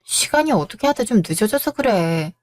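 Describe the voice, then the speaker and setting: A woman's voice: medium pitch, lively intonation, fairly quick, a little mellow, soft background music. Woman lead and narrator, audio drama, plain and earnest delivery. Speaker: narrator and main character.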